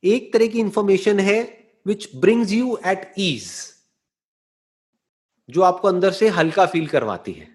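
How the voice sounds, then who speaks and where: A man giving a slow, deliberate motivational talk, often checking in with rhetorical questions and slipping into English phrases. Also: high voice, animated. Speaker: motivational speaker. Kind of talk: explanatory talk answering a listener.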